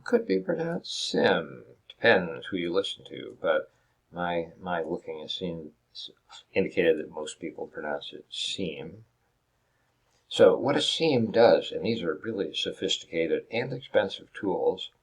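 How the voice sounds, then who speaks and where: A man's voice: deep voice, husky. A man teaching a recorded lecture over slides, explaining step by step with frequent restarts and rhetorical questions. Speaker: instructor.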